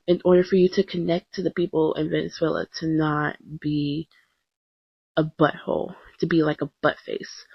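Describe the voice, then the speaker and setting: A young woman with a slightly rough, low-leaning voice chats casually as on a podcast, self-deprecating, with frequent ums and restarts. It's a dry, dull lo-fi home recording on a close mic with a blank screen.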